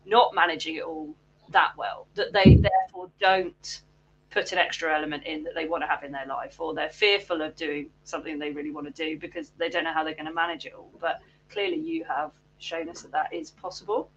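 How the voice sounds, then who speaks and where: Bright, encouraging interviewer with rambling questions. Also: mid-range voice, steady tone, brisk, muffled recording. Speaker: podcast host, interviewer.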